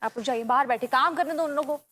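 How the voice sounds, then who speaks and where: An actress in a TV sitcom playing a wife who scolds and gives brisk orders. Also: female voice, high voice, bright, forceful tone.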